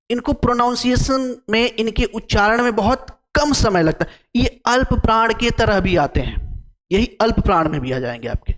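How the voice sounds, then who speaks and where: High-voiced teacher drilling vowels. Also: male voice, long reverb tail. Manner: repeats key terms and quizzes the class with questions; draws out vowel sounds to demonstrate length. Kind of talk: exam-prep lecture.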